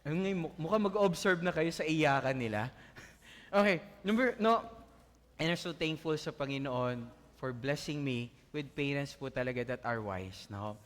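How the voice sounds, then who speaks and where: A man's voice: on the high side, measured pace. A man preaching a sermon to his congregation, mixing Tagalog with English, often laughing and asking "Amen?". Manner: animated, asks the congregation "Amen?"; laughs often while telling jokes. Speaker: pastor. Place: church hall before a congregation. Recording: long church hall reverb.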